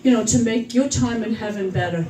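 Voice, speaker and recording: An older woman voicing a kindly male God in a joke, speaking gently and fatherly. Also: on the high side, brisk, close to an everyday voice. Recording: echoey room, far from the mic.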